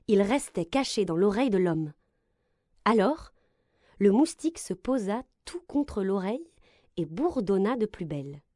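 A woman reading a children's story aloud, with expressive, gentle narration. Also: mid-range voice, dry recording, studio quality.

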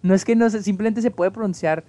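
A young Mexican man with a Mexican accent, co-hosting a casual podcast chat and telling stories in an animated way with many restarts. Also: high voice, quick pace, dry recording. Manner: chatty, animated storytelling with restarts. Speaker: podcast co-host.

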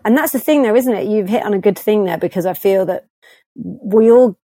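Uk woman podcast host, 30s, chatty and encouraging, mellow voice, dry sound. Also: mid-range voice, fairly quick, dry recording. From United Kingdom. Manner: chatty and encouraging, laughs often. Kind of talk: casual interview chat.

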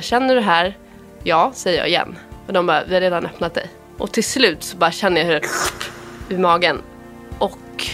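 Podcast guest: woman in her thirties from Sweden, low voice, heartfelt personal storytelling, faint music under her. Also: a bit bright. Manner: emotional, quotes others in a retelling voice.

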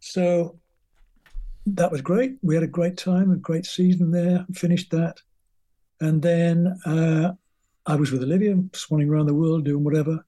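An older English musician, appearing as an interview guest, tells rambling, chatty stories about his career and acts out quoted voices. His voice is a little high and dark in tone, a little slow, with little pitch movement.

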